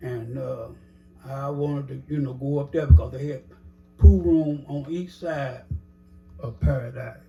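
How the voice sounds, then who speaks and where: A man's voice: medium pitch, a little slow, gravelly, warm tone, faint music behind, low-quality recording. An older man telling his life story in a casual interview, rambling with many "you know"s and acting out the dialogue he recalls.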